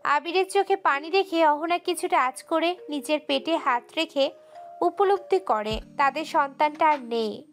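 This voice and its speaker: High-voiced woman narrating an audio story. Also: a little slow, faint music behind. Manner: emotive, steady storytelling.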